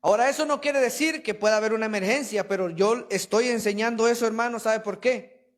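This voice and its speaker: A man's voice: high-pitched, a little fast. A man preaching a sermon in a church with emphatic, rhetorical delivery, addressing listeners as brother.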